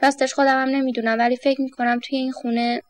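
An eager, cheerful young boy from a storybook, curious and full of wonder, voiced by a woman reader. The voice is high and sits close and dry. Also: little pitch movement, no room sound, natural voice.

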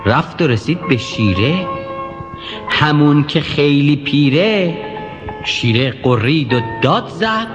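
Animated man narrating a rhymed tale. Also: fairly high pitch. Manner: singsong, animated. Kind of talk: rhymed storytelling for children. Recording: dull reverberant recording over music.

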